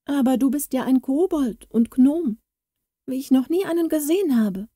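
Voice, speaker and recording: A woman's voice: high voice, lively intonation, moderate pace, dark tone, dry recording, clean studio sound. A woman voicing a timid, lonely young village girl who speaks in an eager, pleading way in a storybook. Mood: earnest.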